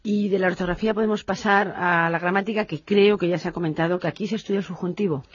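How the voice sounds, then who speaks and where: Fast-talking husky woman moving the lesson on. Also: fairly low pitch, steady tone, no room sound, highs cut off. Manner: brisk, sums up and moves the topic on. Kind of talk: conversational lesson.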